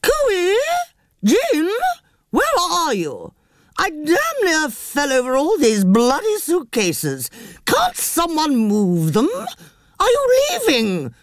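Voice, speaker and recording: A woman reading an audiobook, voicing a loud, bossy elderly aunt who trumpets her words. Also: a bass voice, huge pitch swings, takes it slowly, vocal fry, husky, no room sound, studio quality, exaggerated voice. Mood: hollering. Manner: trumpeting, calls out shrilly. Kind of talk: audiobook character voice.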